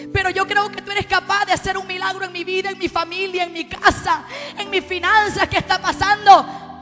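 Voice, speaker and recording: A woman preacher delivers a fervent Sunday sermon in a very high voice, building to shouts and questioning the congregation. Her voice rings with the long reverb of a church sanctuary. Soft music plays faintly behind her. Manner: impassioned, rising to shouts, asks the congregation. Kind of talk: live Pentecostal sermon.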